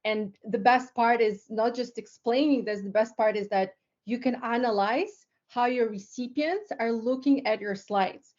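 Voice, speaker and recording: A fairly high-voiced woman from Lithuania presents her tech company in a relaxed webinar, talking chattily with frequent fillers and restarts. The sound comes over a video call and is a little dull. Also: unhurried. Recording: slightly dull online call audio.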